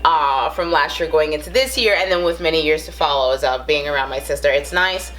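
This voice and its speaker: This Bronx-born vlogger in her thirties talks to camera in a Brooklyn accent, full of fillers, rambling asides and little laughs at herself. Her voice is low and fairly bright, her delivery brisk, and the audio quality is poor.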